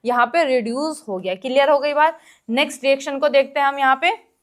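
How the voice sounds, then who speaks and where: A woman teaching an exam-prep lesson. She explains each step and keeps asking the class questions, reads English question text slowly, and coughs now and then. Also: high-pitched.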